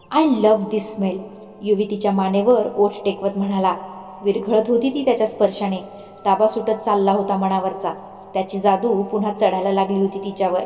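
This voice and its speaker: Mellow woman narrating an audiobook. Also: medium pitch. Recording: roomy reverb, faint music.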